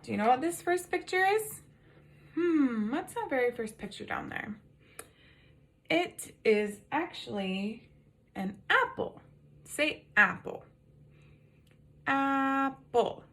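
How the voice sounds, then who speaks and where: Slow sing-song kindergarten teacher, woman. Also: high voice, a bit bright. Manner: slow, sing-song, patient prompting with questions. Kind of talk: phonics lesson to young children.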